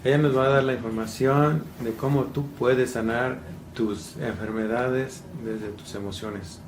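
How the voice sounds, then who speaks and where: A man hosting a casual interview podcast, relaxed and stumbling over some words. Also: medium pitch, a little slow. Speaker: podcast host. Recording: echoey room with noise.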